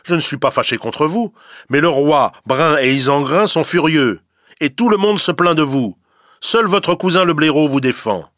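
A man's voice: a little high, normal speed, no room sound, studio quality, voice pushed up. A man voicing a timid but eager male cat messenger in a storybook reading. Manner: timid yet eager, excitable.

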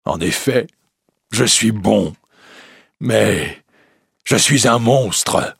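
A kind, sorrowful storybook beast, as a man reads him aloud. He speaks in slow, earnest phrases, with a husky grain and a lively rise and fall. The sound is close and dry. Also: lowish voice, dry recording, exaggerated voice. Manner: slow, earnest, pleading delivery. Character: gentle lonely male beast, sad and kind.

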